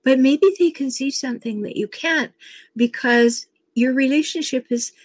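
Speaking at normal speed in a high voice without echo, this older woman is a relationship coach. Her talk is earnest guidance built around personal stories, punctuated by an occasional chuckle.

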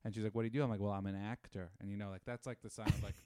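A man's voice: on the low side, rapid-fire. Chatty man in his thirties. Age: 30s. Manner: animated storyteller with many fillers. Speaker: podcast guest. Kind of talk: casual chat.

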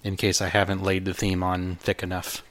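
A man narrating as game master of a tabletop game and hosting the show, in a rambling way full of pauses and fillers. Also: deep voice, completely flat delivery, a bit bright.

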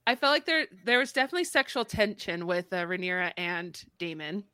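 Bright, dry-sounding woman co-host. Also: on the low side, expressive, a little fast, no echo. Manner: frank, playful, acts out quotes with laughs. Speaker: podcast co-host. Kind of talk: casual chat.

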